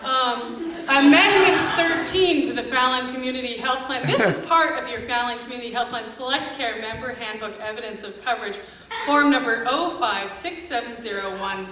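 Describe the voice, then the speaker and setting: This middle-aged American woman, a family doctor acting as an activist, has a fairly high voice and a moderate pace. Her live speech at a church concert event sounds sarcastic and exasperated. The recording is noisy and distant, with the echo of a large hall.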